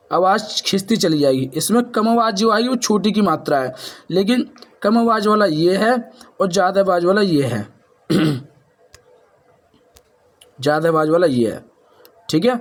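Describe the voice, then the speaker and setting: A man teaches the Hindi alphabet at an unhurried pace, sounding out each syllable with care. His voice sits a little high for a man. He repeats himself often and speaks to his viewers as friends. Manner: slow syllable-by-syllable recitation.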